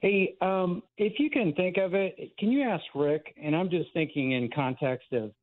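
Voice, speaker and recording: A man's voice: sits high, moderate pace, a little hiss or hum. Man calling in over a tinny phone line. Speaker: caller. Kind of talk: call-in radio conversation.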